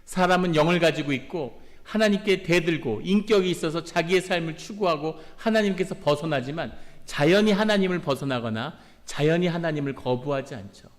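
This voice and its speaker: A man's voice: a little high, lively intonation, fairly quick, few pauses. A man preaching a sermon as a pastor, earnest, acting out quoted prayers and rebukes. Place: church sanctuary. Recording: long church reverb.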